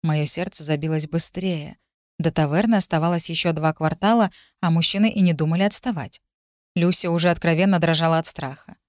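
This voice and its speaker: Woman narrating an audiobook, low and dry. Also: no room sound. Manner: even, measured reading. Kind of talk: first-person audiobook narration.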